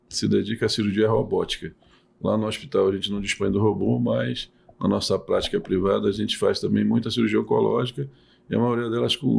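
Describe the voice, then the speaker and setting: Gravelly-voiced man explaining patiently. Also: deep voice, a little mellow. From Salvador, Bahia, Brazil. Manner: explanatory, hesitant restarts. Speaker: urologist and professor, guest. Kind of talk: podcast interview.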